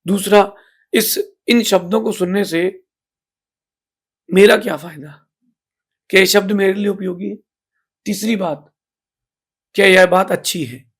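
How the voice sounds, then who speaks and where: A man giving a moral sermon as a monk, speaking emphatically with swells and drops in loudness. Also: sits high, fairly even intonation, measured pace, pauses often, slightly rough. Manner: emphatic, rising and falling in loudness.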